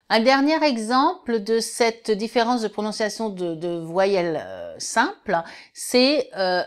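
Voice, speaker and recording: Woman teacher, very slow and careful delivery, patient repetition of words for learners. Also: medium pitch. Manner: patient, repeats words slowly and clearly for learners. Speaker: English teacher. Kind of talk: online language lesson.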